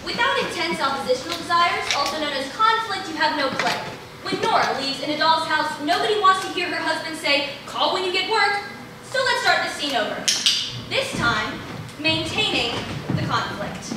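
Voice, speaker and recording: A woman plays a brisk female playwriting lecturer who comments on the scene with dry, theatrical asides. Her voice sits high and swoops lively through each remark. It rings around a large, echoey hall, picked up from far back with a noisy hiss. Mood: wry. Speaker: stage actor. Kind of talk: live stage comedy sketch. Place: large indoor theater stage. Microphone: distant camera mic.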